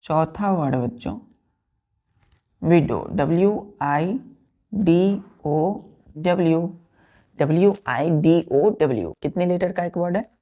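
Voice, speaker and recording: Slow, low-voiced woman teacher. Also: mellow. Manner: spells words letter by letter and counts aloud; repeats each word and checks in with students. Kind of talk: classroom vocabulary lesson.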